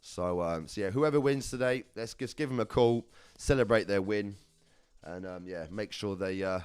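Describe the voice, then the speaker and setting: A young man runs a live online prize draw, chatty and upbeat as he talks straight to his viewers. His voice is smooth and resonant, and it sounds close and dry with no room around it. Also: lowish voice, moderate pace, a little mellow, no echo. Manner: chatty and upbeat, calls viewers lovelies and brother. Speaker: live competition draw host. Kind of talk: casual livestream chat.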